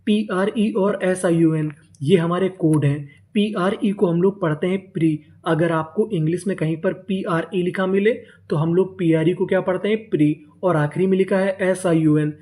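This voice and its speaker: Warm-voiced man drilling a reading lesson. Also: high-pitched, steady tone. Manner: drills by asking a question, then answering it himself; repeats each word slowly several times. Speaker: English teacher. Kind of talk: classroom-style spoken lesson.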